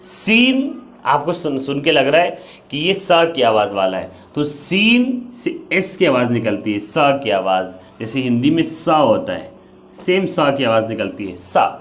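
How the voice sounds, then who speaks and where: Young male teacher, slightly high voice, slow and repetitive, drilling letter sounds for beginners. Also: very animated. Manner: explains slowly, repeats letter sounds. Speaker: Arabic teacher. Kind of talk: patient alphabet lesson.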